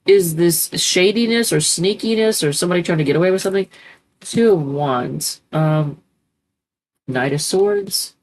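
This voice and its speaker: Congested from a cold, a tarot reader chats loosely through a casual reading in a lowish, darkish voice at a normal pace. She rambles and corrects herself, saying um a lot, and the recording is rough.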